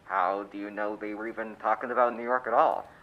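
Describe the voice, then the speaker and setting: Man acting a low-voiced, skeptical police desk officer, muffled. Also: steady tone, fairly quick, close to an everyday voice. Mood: skeptical, patronising. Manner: patronising, skeptical, matter-of-fact. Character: unimpressed, placating male police desk officer. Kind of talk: suspense radio play acting.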